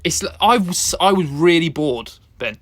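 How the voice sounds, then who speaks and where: A young man with a slightly high, expressive voice speaks at normal speed as co-host of a casual film review podcast. He hedges and defends his opinions, restarting his sentences many times.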